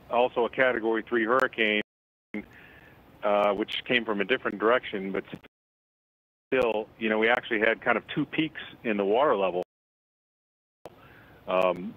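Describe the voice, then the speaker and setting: A man speaking as a weather forecaster over a phone line in a live news interview, serious and measured, with halting phrases. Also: lowish voice. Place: indoors at a forecast office. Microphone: telephone. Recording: band-limited phone line.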